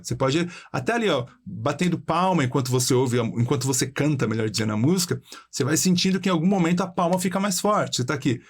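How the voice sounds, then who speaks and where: Man teaching guitar, slightly high. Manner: explains step by step, counts beats aloud, checks in with "tá?". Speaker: music teacher. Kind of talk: video guitar and singing lesson.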